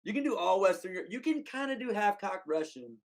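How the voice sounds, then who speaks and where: A man guesting on a podcast chats casually in a high-pitched, sing-song voice at a quick pace. He rambles emphatically, filling his speech with "like" and "you know."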